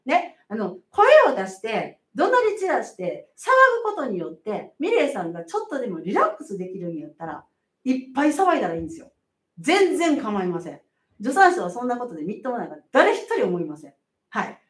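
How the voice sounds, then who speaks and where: A middle-aged woman with a Kansai accent talks as a midwife on a casual live stream, animated and emphatic, laughing often. Her high voice swings widely in pitch. The sound is roomy and a little off-mic. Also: recorded from a distance.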